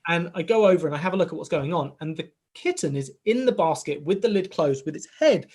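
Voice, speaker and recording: A man in his thirties co-hosting a casual podcast, telling a rambling, animated story full of "like" and "right?" and acting out bits of dialogue. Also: on the high side, quick pace, slightly rough. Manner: acts out quoted dialogue in the story. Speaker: podcast co-host, father of a young boy. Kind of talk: casual chat.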